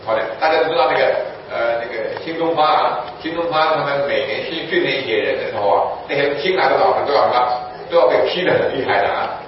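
A man's voice: medium pitch, fast talker, hardly any pauses, a little hiss or hum. A man preaching a sermon, teaching a church audience and often asking rhetorical questions, then answering them himself. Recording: echoey room from far off, dull lo-fi.

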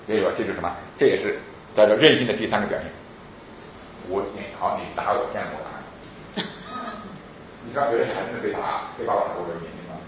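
A man giving a lively sermon-style talk on parenting, laughing often and acting out children as he goes. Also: lowish voice. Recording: very echoey, dull lo-fi with faint noise.

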